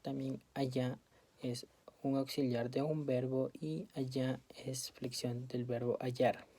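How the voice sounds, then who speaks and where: A woman reading study notes aloud as a student presenter, in a steady, list-like way. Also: rumbling low, slow pace, husky.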